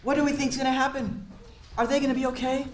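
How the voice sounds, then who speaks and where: Reading quickly in an extremely high, level voice, a man takes children through a picture book in a large indoor space. He offers encouragement and slips in asides to explain vocabulary and quiz them, and the room sounds echoey.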